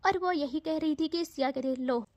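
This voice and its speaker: A woman's voice: sits high, a little fast, darkish tone, no room sound. A woman narrating an audio love story close to the mic, dramatic and chatty with casual asides.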